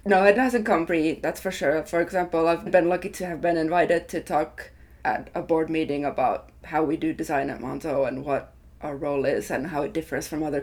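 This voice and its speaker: Speaking low and somewhat mellow, a woman answers interview questions as a design leader. Her manner is reflective and cautious, with plenty of hedging and self-qualification.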